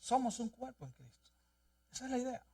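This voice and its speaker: A man's voice: very high voice, sing-song, fairly quick, dark tone, husky, distant mic. A male pastor preaching a sermon and reading scripture aloud in a church, with an emphatic delivery. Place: church sanctuary.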